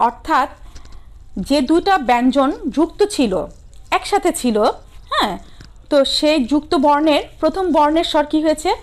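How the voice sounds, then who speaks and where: A middle-aged woman with a Bangladeshi Bengali accent teaches a grammar lesson in a high, light voice. She asks her students questions and answers them herself. She sounds out each word slowly and with care. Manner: sounds out words slowly and carefully. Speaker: school teacher.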